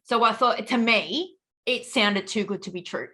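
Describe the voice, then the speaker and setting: A middle-aged woman, a webinar guest telling her own story on a video call, halting and tearful, with many restarts. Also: medium pitch, bright, forceful tone, poor audio. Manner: halting and emotional, frequent restarts and fillers. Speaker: guest speaker with lived experience. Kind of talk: personal story in a webinar interview.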